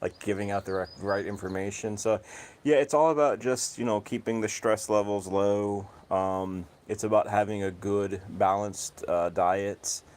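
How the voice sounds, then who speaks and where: A man hosting a casual livestream with his cats, chatting easily and reading out viewers' comments in a self-described monotone voice. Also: fairly low pitch, unhurried. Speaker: livestream host. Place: home, cats outdoors.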